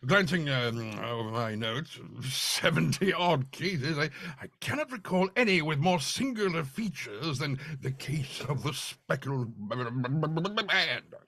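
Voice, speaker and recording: Man acting husky, blustery old Doctor Watson. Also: fairly high pitch, lively intonation, slow, few pauses, a bit bright, dry recording, heavily acted. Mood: storytelling. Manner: flustered, easily exasperated, stumbling and chuckling. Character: blustery, chuckling older gentleman doctor telling his adventures. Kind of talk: 1940s radio acting, read live.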